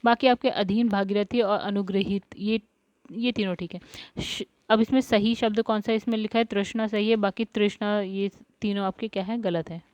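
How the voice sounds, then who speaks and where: A woman's voice: medium pitch, steady tone, moderate pace, a little mellow, no room sound. Woman tutor, patient step-by-step spelling walkthrough, dry dull lo-fi sound. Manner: explains step by step, repeats words, says "guys" often. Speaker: Hindi exam tutor.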